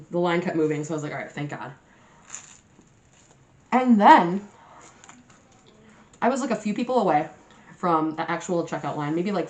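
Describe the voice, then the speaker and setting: A woman hosting a mukbang, chatting casually and slangily to viewers as she eats. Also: sits low. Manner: eating messily while talking, mukbang style; sweary, slangy storytelling with acted-out quotes. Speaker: mukbang video host. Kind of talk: casual chat to viewers while eating.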